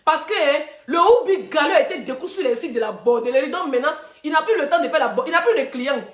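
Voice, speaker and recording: High-voiced taunting woman on a livestream. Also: lively intonation, fast talker, roomy sound. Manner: taunting, chanting insults, laughing. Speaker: live-stream host. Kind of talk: mocking live-stream rant. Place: room, phone on live stream. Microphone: phone.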